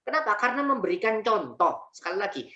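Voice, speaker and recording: A man's voice: high-pitched, very animated, fast talker, bright, forceful tone, roomy sound, highs cut off. A man with a Javanese accent giving a humorous online religious lecture from home over a video call, mixing in Javanese words as he tells stories. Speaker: preacher.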